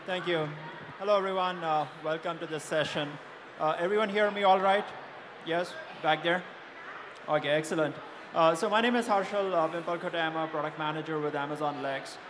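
Man, podium speech, tech presentation, slightly high voice, stop-start hesitant delivery, clearly noisy venue sound. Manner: halting, frequent hesitations and repeated words. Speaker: product manager presenter. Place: on stage at a live event. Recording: noisy live stage sound. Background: noise and venue ambience.

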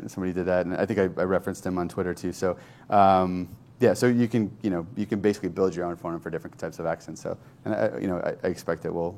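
Man, deep voice, screen-share tech demo, thinking aloud, conversational. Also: darkish tone. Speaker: software developer demoing a tool.

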